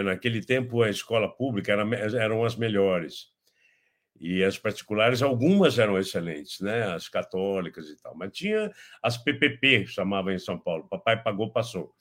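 An older man from Brazil with a Brazilian Portuguese accent, chatting casually on a political show and telling rambling anecdotes with many restarts. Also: deep voice. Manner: rambling, repeats words and restarts, animated anecdotes. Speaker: guest commentator.

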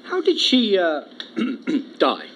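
A man's voice: a little high, wildly swooping pitch, very slow, a bit bright, a little hiss or hum, full character voice. A man playing a smug, teasing male detective. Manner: smug, dry teasing, chuckling. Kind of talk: radio comedy acting.

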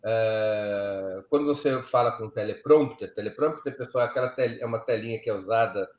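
An older man giving casual, animated political commentary, telling anecdotes with rhetorical asides. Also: lowish voice, moderate pace. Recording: echoey room.

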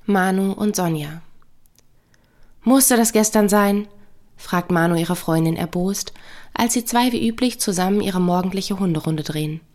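A woman who works as a counselor and couple therapist, talking calmly and reflectively in a podcast monologue. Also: on the low side. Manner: calm, measured, reflective.

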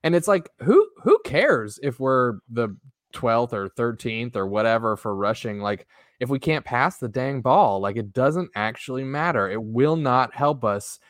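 A man co-hosting a sports podcast, giving quick, opinionated takes that trail off into mutters. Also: medium pitch, sing-song, dry recording. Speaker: podcast co-host. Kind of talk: casual sports podcast chat.

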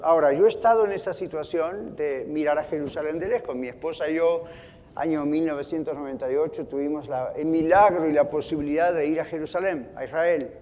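A man preaching a sermon from the pulpit, earnest, slowing down and softening when he quotes scripture. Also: a little high, big-room sound. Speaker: pastor. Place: church sanctuary.

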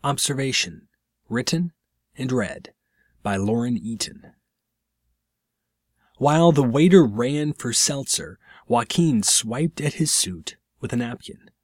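Man, story narrator, scripted reading, very slow pace, dry recording. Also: medium pitch, lively intonation, dry recording. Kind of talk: scripted narration of short fiction.

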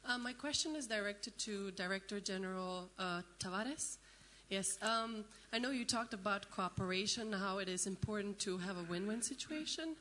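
A woman's voice: medium pitch, normal speed, pushed and bright, a little hiss or hum. A woman from Croatia asking a panel a question from the audience, searching a little for her words.

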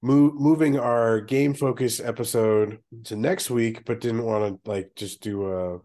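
A man with a nasal, congested voice, sick and low on energy, hosting a casual podcast with some easy swearing. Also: steady tone, measured pace, mellow. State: sick with stuffy nose. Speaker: podcast host.

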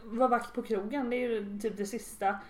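A woman's voice: a little high, fairly even intonation, echoey room, faint music behind. A woman, a podcast guest chatting bluntly while tipsy, swearing and laughing often. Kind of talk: casual tipsy chat.

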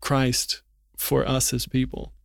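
A man reading a storybook passage aloud in an earnest, expressive way, then reflecting on it in a Bible discussion. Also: mid-range voice, slow, vocal fry, dry recording, studio quality.

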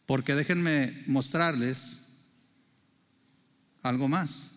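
A man's voice: mid-range voice, drawn-out words, sharp tone. Mexican man preaching in a hall. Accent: Mexican Spanish. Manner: earnest, asks the congregation questions. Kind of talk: sermon.

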